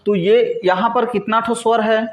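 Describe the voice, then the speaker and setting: A man teaching a class slowly at a board, asking questions and answering them himself, with frequent checks that the class is following. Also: high voice, steady tone, roomy sound, dull audio. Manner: frequent "ठीक है" and "है नी" check-ins.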